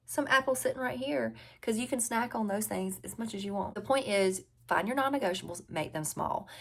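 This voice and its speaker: Woman, forties, Southern US drawl, medium pitch, casual health coach talk, conversational, emphatic, repetitive for emphasis. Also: vocal fry. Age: 40s. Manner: conversational, emphatic, repeats key phrases. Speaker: health and weight-loss coach. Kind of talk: casual advice talk to viewers.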